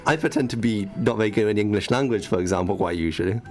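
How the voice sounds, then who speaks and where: A man's voice: on the low side, rapid-fire, darkish tone, faint music behind. A young man co-hosting a casual radio show in a studio, wry and polite. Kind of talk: casual banter on student radio.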